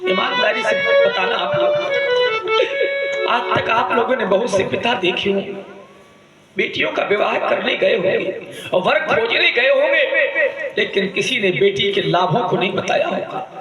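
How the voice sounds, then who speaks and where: Guy acting as grieving proud king in stage ramlila, hammy and very high voice, echoey with loud music. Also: muffled recording, close to an everyday voice. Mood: proud pleading. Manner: hammy, theatrical, drawn-out declamation. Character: grieving, proud King Janak, father of an unwed daughter. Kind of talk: declamatory devotional stage drama with sung verses. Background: loud musical accompaniment.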